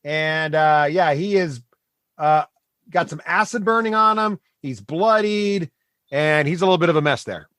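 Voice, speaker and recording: Male game master, lively intonation, fairly high voice, dry close sound, halting casual narration. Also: smooth, no room sound. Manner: halting, thinking aloud while narrating.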